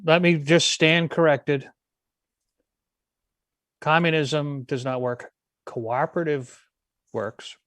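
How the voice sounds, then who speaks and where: A man's voice: fairly high pitch, steady tone, slow, pauses often, a bit bright, no echo. A man co-hosting a casual morning show, brash and emphatic in his opinionated banter.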